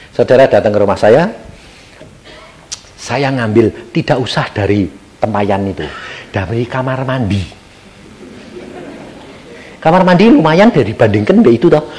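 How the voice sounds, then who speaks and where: A man preaching with a Javanese accent, acting out little scenes and swinging between loud outbursts and hushed asides. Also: mid-range voice. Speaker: pastor. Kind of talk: sermon.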